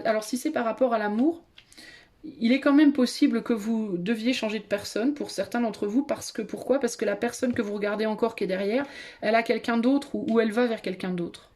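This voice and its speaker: A woman's voice: on the high side, darkish tone. A woman giving a casual tarot reading to her viewers, chatty and hesitant, with many fillers and restarts. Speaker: tarot reader.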